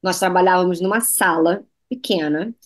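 A Brazilian woman with a Brazilian Portuguese accent, a fashion designer telling lively anecdotes as a guest in a TV interview. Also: fairly low pitch, moderate pace. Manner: lively anecdotes, slips into foreign phrases. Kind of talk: TV interview storytelling.

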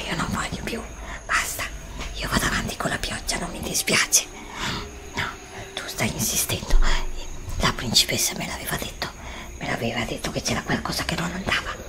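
A middle-aged woman whispers an anxious, pleading ASMR roleplay. The ASMR creator has a gravelly, medium-pitched voice and records on a desk studio mic in an indoor room in front of a green screen.

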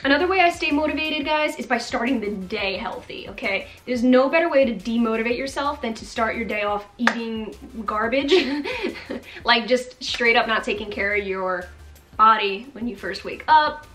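Chatty high-voiced woman coaching fitness. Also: moderate pace. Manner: energetic, chatty, coaxing with frequent "okay?" and big hand gestures. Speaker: fitness vlogger. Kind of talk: upbeat motivational talk to camera. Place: bright bedroom, indoors.

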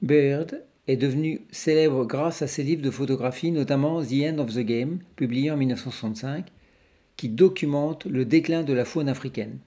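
A man, presenting a book for sale in an informal, halting way as a bookseller. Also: medium pitch, dark tone. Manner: halting, informal, pauses to search for words.

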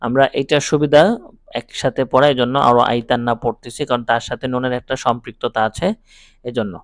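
A man teaching a Quran lesson, explaining pronunciation step by step and reciting verses slowly in a chanting melody. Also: medium pitch, fairly even intonation, no room sound, studio quality.

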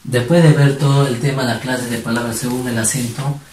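A man's voice: mid-range voice, steady tone, brisk, a little mellow. A male teacher giving a spelling lesson, drilling words syllable by syllable and asking questions that he answers himself. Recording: roomy sound from a distant mic.

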